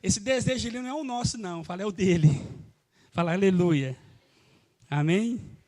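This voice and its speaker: A man's voice: high-pitched, moderate pace, warm tone. A man preaching a live church sermon as pastor, emphatic and calling out to the congregation. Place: church hall. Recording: reverberant church hall.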